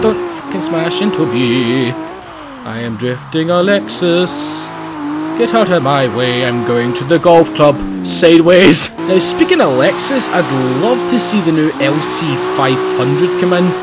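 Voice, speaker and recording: A Scottish man with a slightly high voice talks casually as he plays, breaking into loud excited outbursts and cursing freely. Loud racing engines and squealing tires sit right under his voice throughout. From Scotland. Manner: excitable, swears freely, loud outbursts and laughs while driving. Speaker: gaming channel host. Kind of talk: casual gameplay commentary. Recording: loud game engine and tire noise behind voice. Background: racing game car engines and tire squeal.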